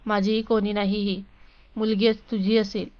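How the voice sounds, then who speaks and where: A woman's voice: mid-range voice, little pitch movement, measured pace, muffled recording, close to an everyday voice. A woman reading as a harsh, angry husband. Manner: harsh, shouting, scornful. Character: angry cruel middle-aged husband.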